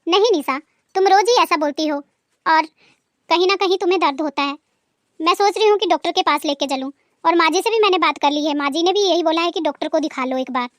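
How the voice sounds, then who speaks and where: A woman voicing a kind, honest, hardworking sister-in-law who speaks gently and politely. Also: very high voice, fast, no room sound, clean studio sound. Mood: caring.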